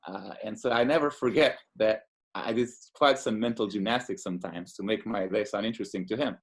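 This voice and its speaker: In a casual interview, a Portuguese immunologist guest in his thirties talks briskly in a voice on the low side. He's clearly excited, often restarting sentences and leaning on fillers.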